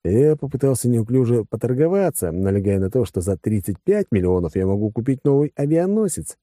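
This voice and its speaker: Dark-voiced male audiobook narrator. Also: medium pitch, big pitch swings, a little fast, no echo, studio quality. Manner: wry, conversational. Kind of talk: first-person audiobook narration.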